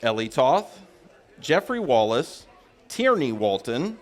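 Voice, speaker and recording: A man announcing at a closing ceremony, reading a list of names in a steady roll-call manner with frequent fillers. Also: medium pitch, takes it slowly.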